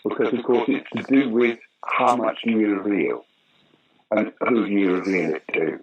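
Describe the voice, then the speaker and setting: A man in his sixties from the United Kingdom, an actor and director, talks a little slowly in a fairly low voice during a relaxed interview about his acting career. He tells stories animatedly, restarts often, and imitates the voices of those he quotes. The audio is dull, with background noise.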